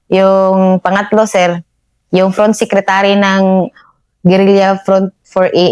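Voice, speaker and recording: A woman's voice: mid-range voice, level tone, slow, darkish tone, clean tone. This is a woman soldier recounting her field operations to a superior officer. She speaks in short, deferential bursts and tags nearly every phrase with a respectful "sir.". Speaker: army corporal telling her combat story. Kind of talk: interview storytelling.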